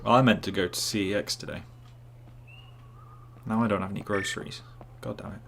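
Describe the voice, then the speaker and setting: A man's voice: on the low side, fairly even intonation, a little fast, a bit bright, slight background noise. A man streaming live gameplay who rambles, jokes and chats with his viewers. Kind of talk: casual live gameplay commentary.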